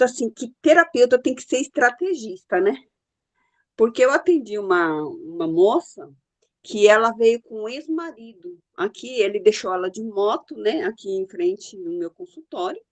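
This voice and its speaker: A woman's voice: a little high, animated, normal speed. Earnest middle-aged Brazilian woman therapist. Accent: Brazilian Portuguese. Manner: earnest, confiding, peppered with "né" and "assim". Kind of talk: casual storytelling.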